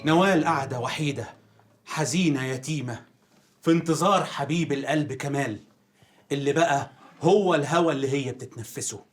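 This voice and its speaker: A man's voice: fairly high pitch, fairly quick, faint music behind, lightly acted. An actor playing a 1940s radio announcer who narrates a drama theatrically, with an Egyptian accent and impatient asides to his crew. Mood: measured. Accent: Egyptian Arabic. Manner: theatrical, snapping orders in asides.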